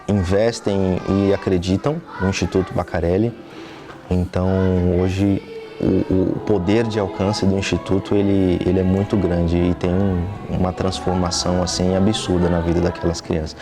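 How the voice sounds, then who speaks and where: A young man from southeastern Brazil with a Brazilian Portuguese accent, answering interview questions earnestly in a TV studio, pausing often with fillers. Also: deep voice, steady tone, over music. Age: young adult. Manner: earnest, thoughtful, with frequent hesitation fillers. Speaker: interview guest, trumpeter.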